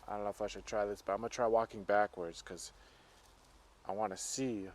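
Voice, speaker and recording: A man filming himself outdoors in the woods on a handheld camera, talking nervously, dropping to whispers and then calling out loudly. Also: fairly low pitch, steady tone, brisk. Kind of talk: handheld found-footage commentary.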